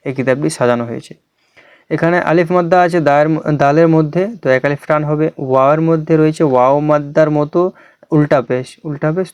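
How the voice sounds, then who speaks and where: A man teaching Quran reading online, sounding out letters slowly one by one and explaining patiently. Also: a little high, darkish tone, smooth, dry recording. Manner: slow drawn-out letter-by-letter recitation with explanations; reassuring, invites viewers to ask questions. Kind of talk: online recitation lesson.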